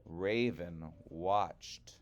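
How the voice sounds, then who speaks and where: A man tells a picture-book story aloud to kids in a low-pitched voice. His delivery is slow, deliberate and expressive, with dramatic emphasis.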